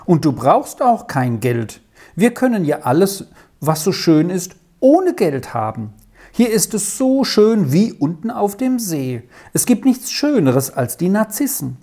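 A woman voicing a gentle, easily frightened young girl in a children's story, pleading anxiously. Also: lowish voice, very animated, a little slow, full character voice. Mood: earnest.

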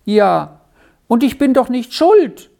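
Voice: very animated, takes it slowly, creaky, warm tone, heavily acted. A storyteller voicing a lonely, earnest little boy in a children's storybook, raising the voice to sound young and pleading. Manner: pleading, higher-pitched childlike voice. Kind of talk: storybook reading.

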